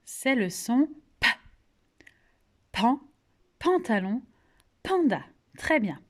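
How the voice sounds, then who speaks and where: A woman with a French accent teaches little children over video, taking her time with every word. She speaks in a measured, unhurried rhythm and articulates each syllable with care. She asks patient questions and praises the answers. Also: a little high, big pitch swings. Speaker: kindergarten teacher. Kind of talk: remote phonics lesson for young children.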